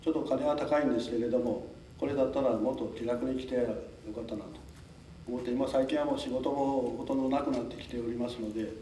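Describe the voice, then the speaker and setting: This lecturer, an older man from Tokunoshima on the southern Japanese Amami Islands, talks fast in a mellow, medium-pitched voice with a steady tone. Addressing a local audience formally yet chattily and politely, he chuckles often and drifts into asides. There's slight background noise, and the distant mic picks up a hall's echo.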